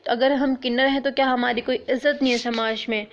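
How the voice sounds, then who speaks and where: A woman's voice: a little high, fairly even intonation, lo-fi sound, close to an everyday voice. A woman voicing a proud transgender beggar who pleads and protests in a storybook reading. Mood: indignant.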